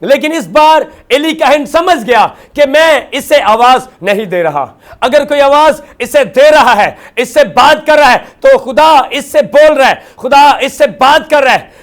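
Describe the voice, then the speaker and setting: High-voiced male pastor preaching emphatically. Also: lively intonation, a little slow, hardly any pauses. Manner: repetitive, emphatic preaching cadence; mixes English words into Hindustani speech. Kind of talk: televised sermon.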